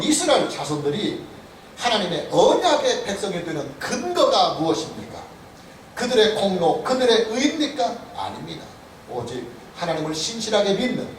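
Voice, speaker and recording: A man preaching a sermon in a lively, animated way, his voice rising high for emphasis and then dropping low. He sounds a bit far from the microphone, in a very echoey church hall with light background noise. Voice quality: animated preaching with sharp rises and drops in emphasis. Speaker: pastor. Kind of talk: expository sermon. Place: church sanctuary.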